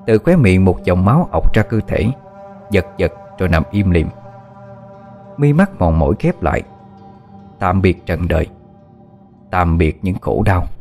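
A man narrating a dramatic horror story in a measured, expressive storytelling manner. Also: sits low. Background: faint music.

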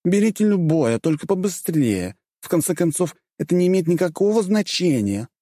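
A man's voice: high voice, big pitch swings, moderate pace, warm tone, dry recording, clean studio sound, voice pushed up. A man voicing a mincing, fussy male arena bookmaker with an affected, sing-song manner. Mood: fussy, impatient.

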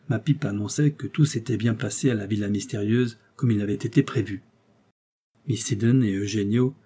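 A man narrating an audiobook in a measured way. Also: husky. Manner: measured, lower and quieter than the dialogue.

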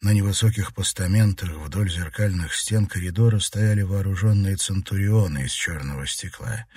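A man narrating an audiobook in a measured, even storytelling manner. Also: deep voice, breathy edge, no room sound, studio quality, distant mic. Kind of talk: scripted narration.

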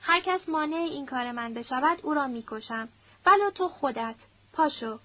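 Woman voicing a young man in an audiobook, high voice, curt urgent orders, dull lo-fi sound. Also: animated. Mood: stern. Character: young determined Zoroastrian man on a rescue. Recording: dull lo-fi recording.

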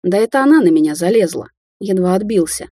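A woman's voice: mid-range voice, expressive, quick pace, warm tone, slightly rough, no echo, studio quality. A woman reading an audiobook, voicing an arrogant man who speaks curtly and scornfully. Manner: sneering, curt.

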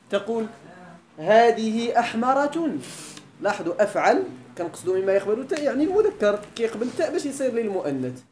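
In an echoey lesson hall, a man with a Moroccan accent teaches Arabic grammar, repeatedly questioning his class to confirm they understand. His voice is high and a little mellow.

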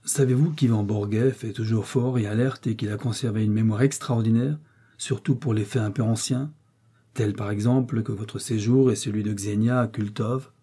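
A man reading an audiobook, voicing a domineering, coldly ironic prince with a dark, husky voice. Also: lowish voice, steady tone, moderate pace. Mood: cold, commanding. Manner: commanding, cutting and sarcastic.

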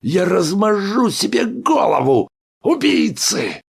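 A man voicing an enraged male asylum inmate who shouts in a hoarse, desperate voice. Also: low voice, expressive, extremely slow, heavily acted. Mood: despairing shouting. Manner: shouting, furious outbursts.

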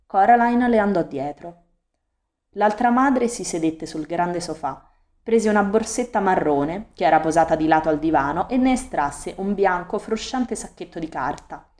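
A woman reading a novel aloud as an audiobook in a calm, measured storytelling manner. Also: lowish voice. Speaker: audiobook reader. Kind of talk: audiobook narration.

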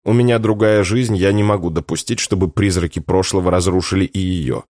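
A man's voice: low-pitched, fairly even intonation, brisk, darkish tone, dry recording, natural voice. A man voicing a worn-out young mother who speaks curtly and guardedly.

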